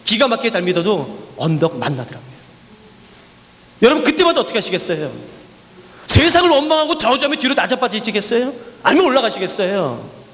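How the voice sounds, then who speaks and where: A missionary preacher delivers a sermon in a church hall, his high-pitched voice fairly quick and carrying a big-room sound. He tells animated stories built on repeated refrains and rhetorical questions to the congregation.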